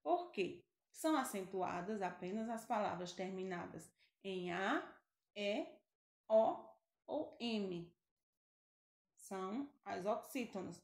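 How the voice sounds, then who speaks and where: A Brazilian woman teacher giving a grammar lesson, speaking slowly and stretching out example words, often checking in with the class. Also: medium pitch, echoey room. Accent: Brazilian Portuguese.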